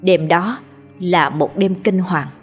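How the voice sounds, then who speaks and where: A woman narrating a ghost story in a measured, somber storytelling voice. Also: lowish voice, breathy edge. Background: faint music.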